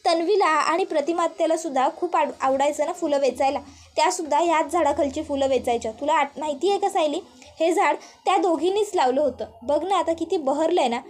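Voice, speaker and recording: Woman voicing a gentle young husband in a TV serial recap, soft and fond, voice pitched very high. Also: a little fast, natural voice.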